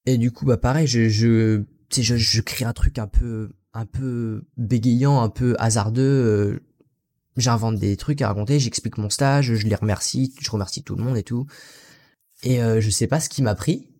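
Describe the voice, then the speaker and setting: In an interview, a young adult man from France, an English teacher, rambles through his story, tossing in "you know" and "so" often. He speaks at a normal speed with a steady, mid-range voice that has a darkish tone.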